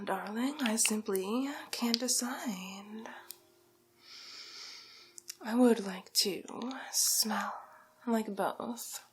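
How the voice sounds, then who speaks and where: A woman whispers as a haughty, vain, glamorous villainess in an ASMR roleplay, breathy and condescending, drawing out her endearments. Her slightly high voice carries a breathy edge, fully in character.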